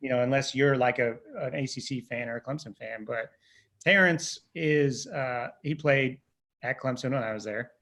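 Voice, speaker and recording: A man's voice: mid-range voice, moderate pace, creaky, bright, forceful tone. A man hosting an interview, talking casually and enthusiastically, with lots of fillers and teasing his guest. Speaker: interview host.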